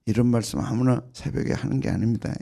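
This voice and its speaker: A man preaching an early-morning prayer sermon as senior pastor, emphatic and repetitive, with sudden loud bursts and soft drops. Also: mid-range voice, fast talker, vocal fry.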